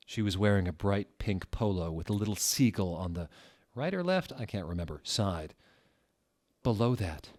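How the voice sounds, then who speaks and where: Here a man with a low voice performs a story in an exaggerated, mock-dramatic manner, alternating between dry understatement and sudden bursts of theatrics. The effect sounds purposely staged.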